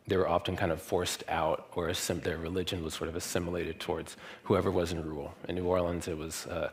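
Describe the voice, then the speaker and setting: Very deep-voiced man giving a lecture. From Louisiana. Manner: relaxed, thinking aloud with many fillers. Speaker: guest lecturer. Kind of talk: university lecture.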